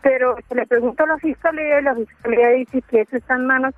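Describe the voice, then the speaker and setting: A woman's voice: high-pitched, steady tone, fast talker, no echo. Pleading woman over the phone. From Colombia. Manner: pleading, urgent. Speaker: radio caller. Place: countryside. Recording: tinny phone line.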